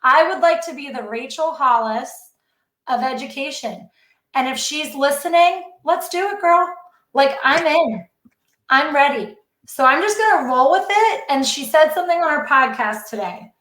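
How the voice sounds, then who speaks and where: A woman's voice: high voice, moderate pace, echoey room, poor audio. A woman educator telling an earnest, emotional story of her project on a podcast. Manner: earnest, excitable, tearful at times. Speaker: guest educator.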